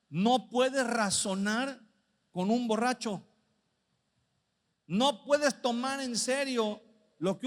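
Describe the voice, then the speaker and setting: Man preaching, very high voice, drawn-out reverb of a church hall, asks rhetorical questions, slows down for the verses. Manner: slows right down when reading Bible verses. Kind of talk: sermon.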